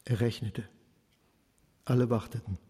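Husky male story reader. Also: mid-range voice, steady tone, unhurried, dark tone. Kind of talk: reading a story aloud. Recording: long hall reverb.

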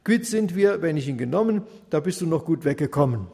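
A man voicing a greedy, brazen neighbour who talks loud and gloating, in rhymed storytelling. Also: a little high, lively intonation, a little fast, gravelly, long reverb tail.

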